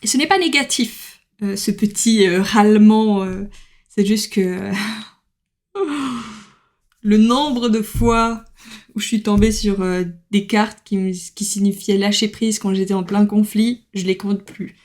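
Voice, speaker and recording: A woman's voice: medium pitch, slow pace, a little mellow. A woman giving a casual tarot reading to camera, chatty, with many fillers and laughs. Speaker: tarot card reader.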